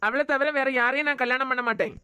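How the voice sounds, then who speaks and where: A woman with a Kanyakumari Tamil accent voicing a teasing, devoted young male doctor in a cartoon, scolding in quick banter. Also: high voice, fairly even intonation, bright, forceful tone, clear, resonant tone, dry recording. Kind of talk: cartoon voice acting.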